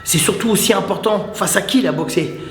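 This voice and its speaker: A man's voice: sits high, fairly quick, gravelly, reverberant, a little hiss or hum. A male channel host talking casually and enthusiastically to the camera, speaking straight to his viewers and repeating his points. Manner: chatty and enthusiastic, addresses viewers directly, repeats himself. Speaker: muay thai channel host.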